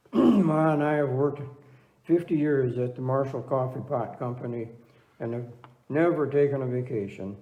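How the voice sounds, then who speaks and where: A man's voice: mid-range voice, unhurried, warm tone, close to an everyday voice. A man playing a teasing, folksy older husband in an amateur comedy talk-show skit. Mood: hopeful. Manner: folksy, reasoning retorts. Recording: echoey room, distant mic.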